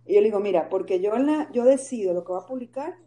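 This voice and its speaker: A woman, telling her faith story in an animated interview and acting out the voices in it. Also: mid-range voice, fast talker, slight background noise. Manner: animated, storytelling, acts out quoted dialogue. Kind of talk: conversational interview.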